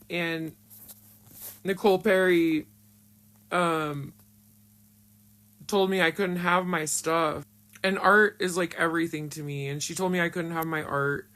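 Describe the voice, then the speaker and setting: Slow-talking storyteller with a disguised voice. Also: mid-range voice, fairly bright tone. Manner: blunt and frank, swears often, emotional retelling. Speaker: storyteller recounting their own past. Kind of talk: casual spoken storytelling.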